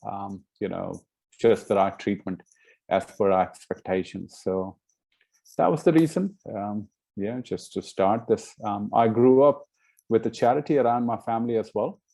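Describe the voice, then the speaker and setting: A man's voice: fairly low pitch, normal speed, creaky, dark tone. A middle-aged man from India, a guest in a casual interview, talking earnestly with many fillers and "you know".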